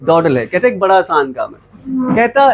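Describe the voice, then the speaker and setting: A man's voice: fairly high pitch, big pitch swings, moderate pace, poor audio. A man teaching English words in a classroom lecture, mixing Hindi with English and asking and answering his own questions. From Jammu, India.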